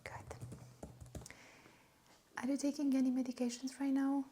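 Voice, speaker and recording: A woman whispering a medical exam roleplay in a slow, gentle, reassuring way. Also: sits high, flat delivery. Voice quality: soft whispery. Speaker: ASMR roleplay nurse.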